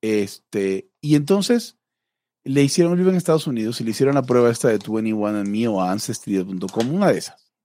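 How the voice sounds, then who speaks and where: A Mexican man chatting on a podcast, musing and hesitant, often filling pauses. His voice sits at an ordinary pitch and comes through close and dry, with no room around it. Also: animated, dark tone, dry recording. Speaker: podcast co-host. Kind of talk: casual chat.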